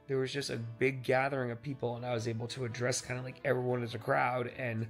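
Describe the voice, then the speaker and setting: A man's voice: medium pitch, little pitch movement, fast. A man narrating his travel vlog in a casual, joking, self-deprecating way. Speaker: vlogger recapping a fundraising tour. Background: background music.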